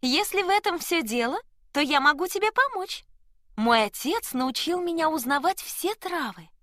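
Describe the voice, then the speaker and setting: A squeaky, very high and sharp little goose hen, calm and helpful, with a strange pinched tone. She talks plainly and reassuringly, as in a storybook read aloud. The recording is dry and close. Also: normal speed, dry recording. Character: kindly wise female goose. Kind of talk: storybook reading.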